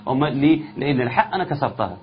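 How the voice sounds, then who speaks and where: A man's voice: mid-range voice, animated, lo-fi sound, slight background noise. Egyptian man teaching Quran recitation. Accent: Egyptian Arabic. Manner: explains quickly, then slows to chant verses. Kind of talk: tajweed lesson with chanted recitation.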